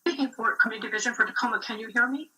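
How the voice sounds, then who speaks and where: A woman's voice: a little high, racing, bright, forceful tone, rough recording. A woman giving public comment over a remote call whose audio breaks up and drops out, as she hurriedly checks that she can be heard. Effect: remote call breaking up and dropping out. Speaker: public commenter at a council hearing.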